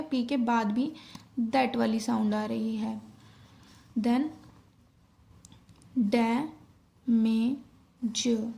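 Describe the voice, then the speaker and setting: A woman teaching a shorthand lesson, explaining each step slowly in Hindi with English terms mixed in. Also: a little high, mellow.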